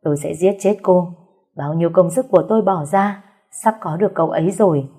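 A woman doing a vicious, scheming young maidservant, menacing and commanding, her voice low and dark with a husky rasp. An audiobook reading with faint music underneath. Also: brisk.

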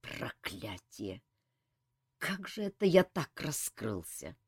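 A woman's voice: extremely low pitch, big pitch swings, slow pace, husky, no echo, clean studio sound, pitched below the performer's own voice, heavily acted. A woman reading an audiobook, voicing a wounded, angry man who wheezes his words curtly. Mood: bitter. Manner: wheezing and curt.

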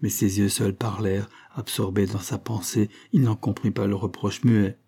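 A man narrating a classic novel as an audiobook reader, in a measured literary reading. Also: fairly low pitch, little pitch movement, mellow, husky. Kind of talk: scripted narration.

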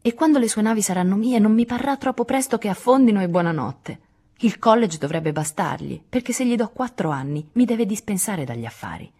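A woman voicing a restless, excitable teenage boy who resents his duties in a storybook reading. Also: deep voice, a little fast, slightly rough, exaggerated voice. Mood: rebellious. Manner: excitable, rebellious.

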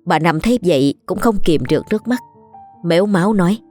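A woman's voice: lowish voice, expressive, fast, a little mellow, faint music behind. A woman, steadily narrating a ghost story.

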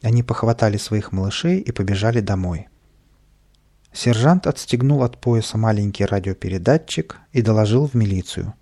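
Gravelly-voiced man reading a children's story. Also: lowish voice, normal speed. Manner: lively storytelling, plays all the voices. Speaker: audiobook narrator. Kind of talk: children's audiobook narration.

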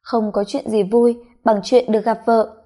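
A woman's voice: on the high side, little pitch movement, measured pace, mellow. A woman voicing a tipsy, affectionate young husband who talks in a slurred, whiny, sugary way. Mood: tipsy teasing.

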